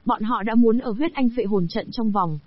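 A text-to-speech woman's voice reading the lines of a respectful, loyal male subordinate in an audiobook, in an even machine delivery. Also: on the high side, normal speed, no room sound, close to an everyday voice. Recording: dry, dull lo-fi audio.

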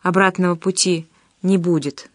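A woman narrating an audiobook in an even, measured reading. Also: fairly low pitch, no echo. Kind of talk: scripted narration.

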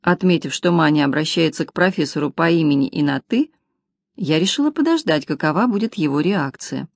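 A woman narrating an audiobook in a brisk, ironic storytelling manner. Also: sits low, expressive, gravelly, no room sound, studio quality. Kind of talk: scripted narration of a humorous detective novel.

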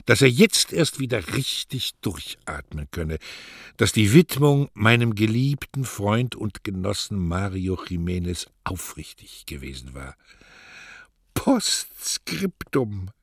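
A man narrating a novel in an expressive audiobook reading, on a close studio mic. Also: fairly low pitch, measured pace, no echo. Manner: expressive storytelling.

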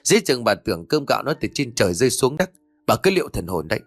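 Cruel scolding daughter-in-law done by a male narrator, harsh fast jabs, lively swings in pitch, dry close sound. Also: breathy edge, dry recording, soft background music. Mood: berating. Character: cruel shrieking middle-aged daughter-in-law, woman.

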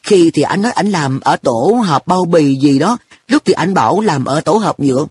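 A cheeky, carefree schoolboy who talks bluntly and offhand, put on by a male reader. A colours his raised, bouncy boyish voice. Every word comes out very husky and breathy. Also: fairly high pitch, lively intonation, normal speed, a little mellow. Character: boy An, carefree, teasing, money-minded.

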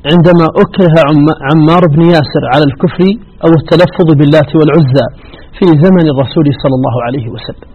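A man's voice: a little high, very fast, breathy edge, dull audio. A man co-hosting a religious radio program, reading out listener questions in a deferential way. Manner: deferential, finishes the sheikh's sentences.

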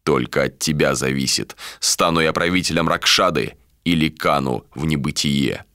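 A man doing a cold, contemptuous ruler for an audiobook, speaking low and slow and weighing every word. His tone is bright and edgy, and it sits in a dry, close recording. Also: dry recording, heavily acted. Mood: cold, commanding. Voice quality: low and measured.

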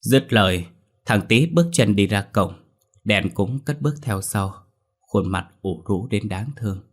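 A man narrating a scripted horror story in a measured storytelling manner. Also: fairly low pitch, animated.

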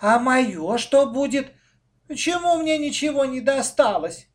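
A man's voice: extremely high pitch, expressive, a little slow, pitched above the performer's own voice. A man voicing a small, whiny little girl in a children's storybook reading. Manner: plaintive, whiny.

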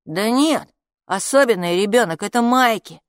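A storybook young boy, clever and cocky, matter-of-fact in every reply, as a woman narrator reads him. The voice is only a little higher than the reader's own, in a dry recording. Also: animated, normal speed, dry recording, lightly acted. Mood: confident. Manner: matter-of-fact, know-it-all.

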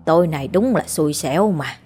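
A woman doing a gruff, scolding old grandfather. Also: low voice, lively intonation, moderate pace, a little mellow, faint music behind. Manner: scolding, coarse cursing.

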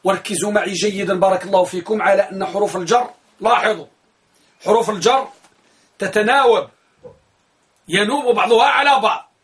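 A man's voice: high-pitched, brisk, long pauses, fairly bright tone. A man teaching a grammar lesson. He asks the class questions, answers them himself, and repeats key phrases for emphasis.

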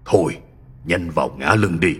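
A husky-voiced man voicing a stern older village man who scolds his younger sister and instructs his younger brother. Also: sits low, normal speed, fairly bright tone, pitched below the performer's own voice, exaggerated voice. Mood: instructing. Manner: gruff, scolding.

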